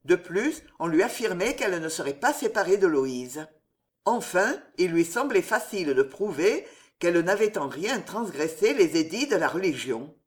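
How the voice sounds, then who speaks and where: A woman narrating a historical novel aloud in a measured, expressive storytelling manner. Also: fairly low pitch. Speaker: audiobook narrator.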